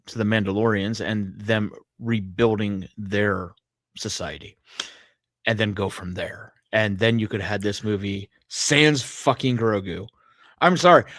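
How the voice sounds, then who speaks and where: A podcast co-host with a lowish voice chats casually about films, giving his commentary in a blunt, profane, grumbling way. The recording is studio quality with no room sound.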